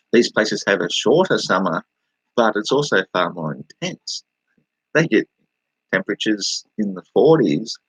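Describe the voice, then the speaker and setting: A man's voice: deep voice, a bit bright, husky, dry recording, poor audio. An Australian man rambling casually on a livestream, answering viewers and laughing as he talks. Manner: rambling, laughing, talking back to chat.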